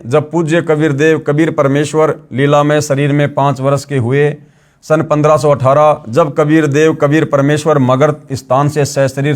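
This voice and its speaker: A man giving a devotional reading, reading prose passages quickly and then chanting verse couplets slowly in a rising sing-song. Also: a little high. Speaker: religious reader.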